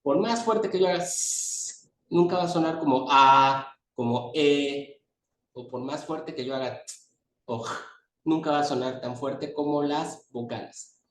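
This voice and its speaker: A man's voice: a little high, normal speed. A man giving a medical lecture at a pediatrics conference, explaining terms step by step and pointing at his slides. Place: conference hall. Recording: echoey hall, distant mic, faint noise.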